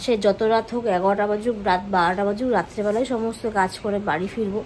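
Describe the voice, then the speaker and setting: A young woman chats to her viewers in a relaxed vlog, keeping her voice soft and her words sparing, and she teases the people around her. Her pitch sits in an ordinary middle range. A faint hum of background noise runs under the recording. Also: fast talker, rough recording. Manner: speaking softly and sparingly because of a sore tooth; chatty, teasing with family. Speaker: vlogger. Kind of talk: casual vlog chat.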